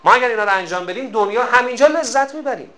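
A man's voice: very high voice, lively intonation, sharp tone. A man giving a storytelling sermon as a religious lecturer, emphatic and exhorting, who repeats his key phrases.

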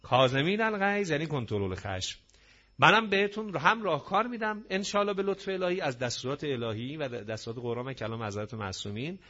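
A man's voice: on the high side, lively intonation, sharp tone. A man giving a religious sermon to a gathering, emphatic and full of rhetorical questions. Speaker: preacher. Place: gathering hall with audience. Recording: dull lo-fi audio.

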